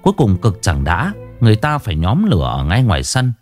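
A man narrating a ghost story in a dramatic, expressive reading. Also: on the low side, fairly quick, faint music behind.

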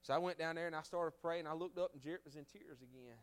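A man preaching a revival sermon as a guest preacher, swinging from loud fervent exhortation to hushed storytelling. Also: on the high side, fast talker, smooth. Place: church sanctuary.

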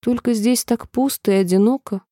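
A woman's voice: a little high, expressive, moderate pace, no echo, clean studio sound, pitched above the performer's own voice. A woman reading a storybook, voicing a polite, curious seven-year-old girl. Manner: polite, gently puzzled questions.

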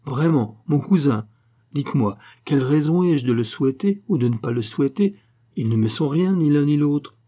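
A man voicing a proud young gentleman who speaks in heated, emphatic bursts, in a read-aloud novel. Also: medium pitch, moderate pace, husky, lightly acted. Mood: indignant. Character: proud young gentleman, hot-tempered and indignant.

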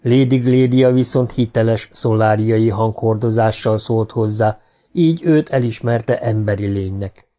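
A man reading an audiobook who voices a calm, humanlike male robot explaining things politely and logically. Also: lowish voice, close to an everyday voice.

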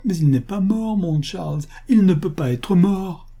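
A man's voice: expressive, measured pace, creaky, dark tone, full character voice. A man doing a grief-stricken young bride. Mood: anguished. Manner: sobbing, breathless outbursts, rising pitch in grief. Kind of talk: audiobook reading of a pulp novel.

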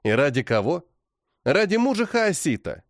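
A man narrating a first-person fantasy audiobook in a dramatic, expressive way. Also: fairly high pitch, moderate pace, no echo, studio quality.

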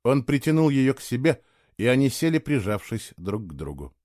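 A man narrating an audiobook in an expressive reading. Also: medium pitch, moderate pace, no echo, studio quality.

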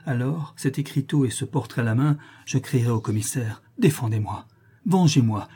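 A man's voice: medium pitch, normal speed, warm tone, close to an everyday voice. A man voicing a despairing old male porter who is easily upset, in a read-aloud novel. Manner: dramatic, wailing complaints.

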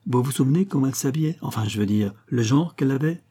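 A seasoned, wry police commissioner, calmly probing witnesses, as a man reads him in an audiobook. The voice is dark and a little husky. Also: mid-range voice, fast talker, pitched above the performer's own voice.

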